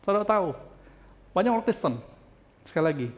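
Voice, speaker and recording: Expressive male pastor preaching. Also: high voice, fast. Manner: expressive, heartfelt, addresses the congregation directly. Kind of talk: sermon storytelling.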